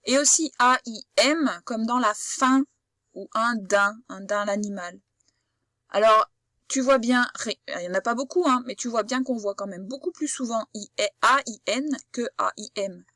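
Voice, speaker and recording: Slow, patient woman teaching phonics. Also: a little high, bright, forceful tone, no room sound, studio quality. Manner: slow, patient, carefully articulated explanation. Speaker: primary school teacher. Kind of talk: phonics lesson for children.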